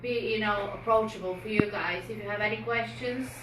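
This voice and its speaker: A police community support officer whose first language is Bulgarian talks informally to a community group, using many fillers and restarts. Her medium-pitched voice is steady and fairly quick, captured in an echoey room on a distant, noisy mic.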